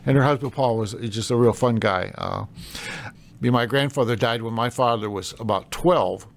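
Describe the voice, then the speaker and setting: A mature man co-hosts informal community news in a mid-pitched voice. He is plainspoken and a little hesitant, moving between reading notices and rambling conversational remarks. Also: moderate pace. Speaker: local news show co-host.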